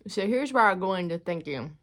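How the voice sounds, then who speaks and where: Animated and fairly quick, a middle-aged woman with a mid-range voice discusses a news story while eating on camera. Her mukbang chat is casual, punctuated by loud chewing and words spoken through mouthfuls of food.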